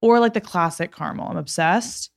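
A woman's voice: fairly low pitch, fairly quick, vocal fry, dry recording, clean studio sound. A young woman hosting a podcast, talking casually and emphatically with lots of "like". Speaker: podcast host. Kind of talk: casual podcast chat and read ad.

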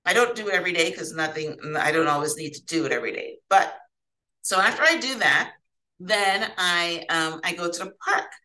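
A woman's voice: on the low side, expressive, a little fast, bright, forceful tone, far from the mic, low-quality recording. A woman hosting an informal solo self-help podcast, giving conversational advice as a coach and often checking in with the listener. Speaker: podcast host and life coach.

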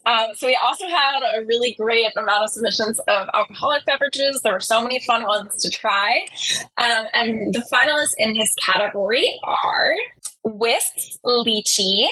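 A woman presents awards at a live ceremony with upbeat enthusiasm. Her voice sits a little high and is bright and forceful, with a husky, breathy edge. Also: moderate pace, poor audio.

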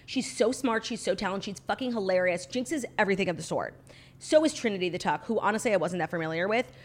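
A woman's voice: medium pitch, fast. A woman co-hosting a casual chat podcast, talking in a bubbly, effusive sorority-girl way with dramatic exaggeration and lots of "like" and "literally". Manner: dramatic, hyperbolic. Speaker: podcast co-host.

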